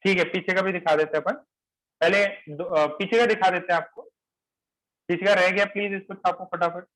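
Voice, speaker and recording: A man's voice: high-pitched, fairly even intonation, a little fast, a bit bright, poor audio. A man teaching a chemistry class, repeating key terms and quizzing his students, mixing in English phrases. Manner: mixes English phrases into Hindi explanation. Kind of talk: classroom lecture.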